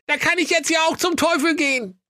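A brash little schnitzel hero pipes up in a squeaky, cocky falsetto. He talks with bold, mocking swagger and a sharp, bright edge. The sound is dry and close, a comic storybook voice. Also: brisk, dry recording. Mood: cheeky.

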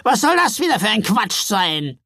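A woman voicing a gang of loud, cheeky young troll brothers in a storybook reading, pitching her voice high and shouting. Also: big pitch swings, unhurried, gravelly, dry recording, studio quality, full character voice. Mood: rowdy.

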